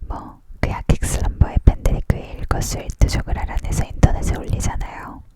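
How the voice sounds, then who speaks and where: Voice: a little fast, close to an everyday voice. A reader voicing an elegant, bashful female dream maker in a whispered role-play of a storybook, polite and evasive. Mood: flustered.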